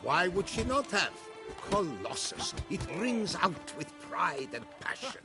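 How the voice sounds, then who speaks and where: A man's voice: high-pitched, very animated, unhurried, music in the background, exaggerated voice. A man voicing a showy male tournament herald with a theatrical, flamboyant manner.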